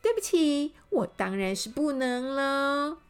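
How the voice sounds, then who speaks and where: A woman doing a sweet, smug, topsy-turvy lady, higher and sing-song, slow storybook vibe. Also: expressive, faint music behind. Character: contrary woman who says everything backwards.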